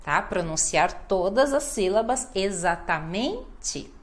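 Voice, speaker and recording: A woman's voice: on the high side, lively intonation, measured pace, a bit bright. A Brazilian woman with a Brazilian Portuguese accent, teaching a pronunciation lesson and repeating words with exaggerated stress to show where the emphasis falls. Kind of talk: language lesson.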